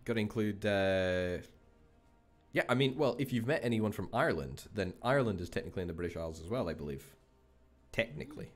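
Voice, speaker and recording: A gaming channel host delivers casual let's-play commentary, chatting with wry, self-deprecating remarks. His voice is on the low side, fairly quick and lively in intonation, with faint music playing behind him.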